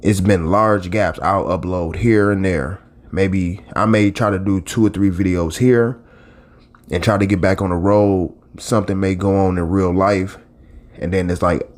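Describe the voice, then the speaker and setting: A guy in his late thirties with a really low, slightly mellow voice talks straight to camera as a YouTube blogger and channel host. His casual vlog chatter rambles along, full of restarts and asides.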